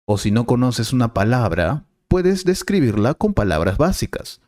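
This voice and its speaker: A man as a Spanish teacher, explaining clearly and patiently in a scripted lesson dialogue. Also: mid-range voice, big pitch swings, moderate pace, a little mellow, no echo, clean studio sound.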